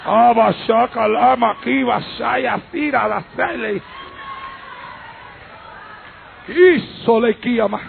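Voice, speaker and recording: A man preaching a fervent Pentecostal sermon, telling stories and breaking into shouted praise, on a tinny old radio recording. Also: very high voice, creaky.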